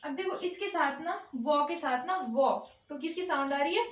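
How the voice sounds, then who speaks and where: A woman's voice: high-pitched, moderate pace. A woman teaching a Hindi grammar lesson with an Uttarakhand Hindi accent, asking questions and answering them herself, often checking "theek hai". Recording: echoey room, dull lo-fi sound.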